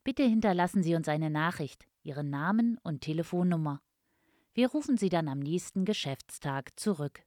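A woman speaks in a slightly low, dry-sounding customer service voice. She delivers a scripted phone announcement politely and formally, like a company answering machine greeting. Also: lively intonation, normal speed, darkish tone, no room sound.

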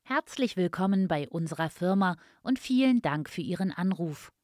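Woman, customer service voice, scripted voicemail announcement, polite, formal, lowish pitch, very dry close sound. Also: expressive, normal speed, darkish tone, no echo. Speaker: phone announcement voice. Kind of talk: scripted answering machine announcement.

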